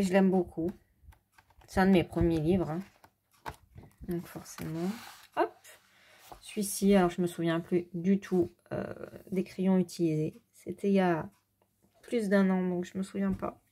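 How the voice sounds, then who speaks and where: Mellow-voiced woman chatting casually. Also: medium pitch. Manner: chatty, rambling, many fillers and self-corrections. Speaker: adult coloring hobbyist. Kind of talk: casual show-and-tell.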